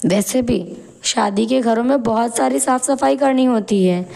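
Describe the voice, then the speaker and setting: Cartoon mother-in-law, middle-aged and scolding, low gravelly voice, played by a woman. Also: moderate pace. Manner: scolding, sharp taunts. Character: harsh middle-aged mother-in-law, favors fair bride.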